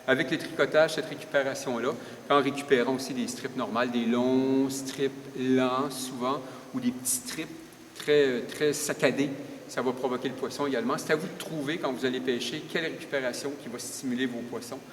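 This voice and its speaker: A man's voice: mid-range voice, fairly even intonation, fast, hardly any pauses, fairly bright tone, a little hiss or hum. A man with a Québécois French accent teaching fly-fishing retrieves, explaining each step patiently while demonstrating. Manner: explanatory, repeats steps patiently, talks while working the line. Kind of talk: hands-on demonstration. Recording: roomy, distant mic with faint ambience.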